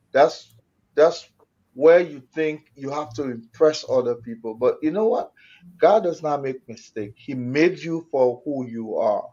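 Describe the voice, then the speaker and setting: Casting: Liberian-accented man, fairly high voice, explanatory and repetitive, conversational, lo-fi sound. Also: warm tone. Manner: repeats phrases, explanatory. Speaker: talk show participant. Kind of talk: conversational talk show discussion. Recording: dull lo-fi audio.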